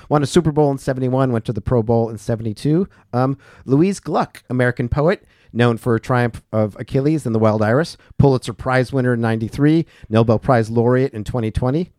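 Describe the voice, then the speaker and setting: A man's voice: mid-range voice, darkish tone, dry recording, clean studio sound. A man co-hosting a sports radio show, chatting casually with many fillers and restarts.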